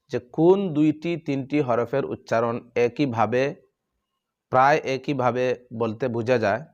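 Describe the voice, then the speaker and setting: A man teaching Quran letter pronunciation, drawing out each letter name slowly and explaining the difference between similar sounds. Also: mid-range voice. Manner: slow, drawn-out recitation of letter names.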